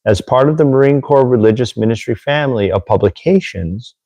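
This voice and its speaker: A man's voice: medium pitch, lively intonation, fairly quick, warm tone, no room sound, muffled recording. A man hosting a casual livestream, chatty and self-deprecating, sorting out his microphone and then reading from a military handbook. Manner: chatty and self-deprecating, fiddling with audio gear. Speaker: host, former Marine Corps religious lay leader. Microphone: desk microphone with gain control. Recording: dry, close, slightly clipping mic.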